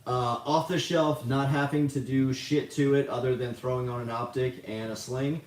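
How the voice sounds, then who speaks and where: A man's voice: medium pitch, steady tone, moderate pace. A man hosting a casual livestream, answering chat questions in a rambling, profane, self-mocking way. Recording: roomy, distant mic, faint noise.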